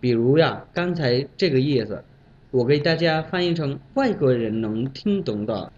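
A man from Bangladesh, a foreigner speaking Mandarin as a second language, giving a prepared talk with animated storytelling. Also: medium pitch, normal speed, a little hiss or hum. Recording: dull, lo-fi sound.

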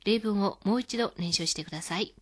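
A woman hosting a scripted radio lesson, explaining words calmly. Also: mid-range voice, brisk. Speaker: Chinese language teacher.

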